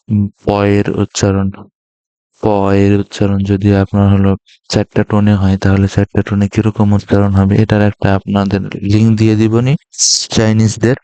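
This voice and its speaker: Low, flat-voiced male online language teacher. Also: no echo. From Bangladesh. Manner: slow, hesitant explaining with many fillers.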